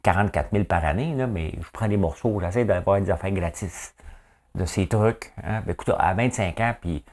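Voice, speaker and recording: Chatty Québécois man, lowish voice. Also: normal speed, a little mellow. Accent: Quebec French. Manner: chatty, rhetorical, keeps asking "hein?". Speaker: podcast host and farmer. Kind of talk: casual daily news monologue.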